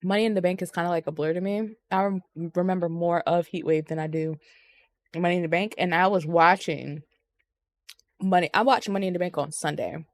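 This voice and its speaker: A woman's voice: on the low side, dry recording, clean studio sound. A woman co-hosting a podcast, chatting casually about wrestling with lots of ums and swearing. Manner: rambling, profane, frequent ums. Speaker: podcast co-host.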